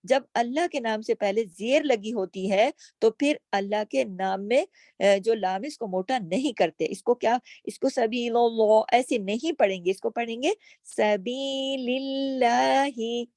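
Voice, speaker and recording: A woman's voice: fairly high pitch, normal speed, a little mellow, no echo, studio quality. A woman teaching tajweed, patiently explaining each letter and asking herself questions as she goes. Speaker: Quran recitation teacher. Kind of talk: slow tajweed lesson with recited words.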